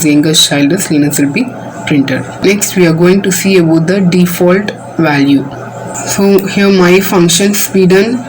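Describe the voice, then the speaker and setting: A woman's voice: lowish voice, a little mellow, a little hiss or hum, low-quality recording. A woman teaching a computer science class. She walks patiently through code line by line, starting most sentences with "so". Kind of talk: classroom coding demo lesson.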